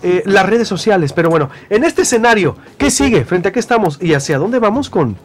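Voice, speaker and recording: Brisk male radio host, slightly high. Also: faint music behind. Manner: brisk, animated, reads comments aloud. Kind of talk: live radio talk, reading listener comments.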